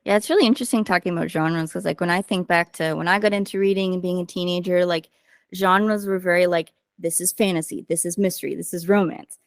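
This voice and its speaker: A woman's voice: on the low side, fairly even intonation, quick pace, no echo, clean studio sound. A woman hosting a podcast, chatting casually and leaning on fillers as she talks. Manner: chatty, uses many fillers. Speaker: podcast host and writing coach.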